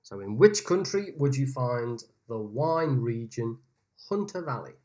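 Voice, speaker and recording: A man's voice: mid-range voice, very animated, unhurried, warm tone. A man hosting an online pub quiz over a video call, reading each question twice with chatty asides. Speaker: quiz host.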